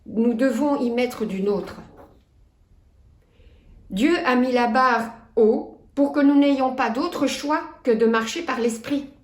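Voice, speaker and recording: A woman in her fifties with a Belgian French accent, preaching a sermon in an earnest, measured way and reading scripture aloud. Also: on the high side, roomy sound. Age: 50s. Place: church.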